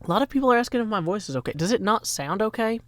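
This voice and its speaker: Here the Nashville, Tennessee streamer's voice runs high, with lively intonation and a very fast delivery, against slight background noise. Middle-aged and a bit weary, he banters playfully, rhyming on the side and reeling off greetings. He talks into a stand microphone.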